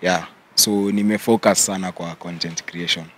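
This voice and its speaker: Low-voiced young Kenyan man, easygoing. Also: normal speed. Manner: relaxed, mixes English and Swahili slang, says "yeah" often. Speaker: content creator guest. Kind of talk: casual interview answers.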